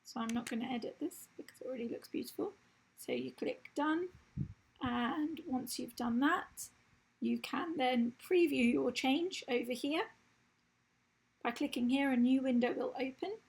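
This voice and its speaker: Woman walking through a website tutorial, voice going hoarse and raspy. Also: sits high, moderate pace, darkish tone, poor audio. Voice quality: husky, gravelly. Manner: plain step-by-step explaining. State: losing her voice. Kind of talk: screen-recorded tutorial.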